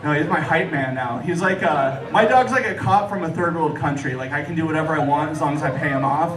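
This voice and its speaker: A man's voice: on the high side, fast talker, a crowd in the background. A man doing a stand-up comedy set in a casual storytelling manner with hesitant asides, talking to a live audience. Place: echoey room with a live audience. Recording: roomy distant live recording, clear noise. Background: audience laughter and room noise.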